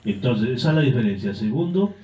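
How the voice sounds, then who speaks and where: A man, a priest guest, explaining church doctrine in a measured way. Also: medium pitch, lively intonation, mellow. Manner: measured, with frequent filler tags and restarts. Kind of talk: catechetical explanation. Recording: echoey, dull-sounding room.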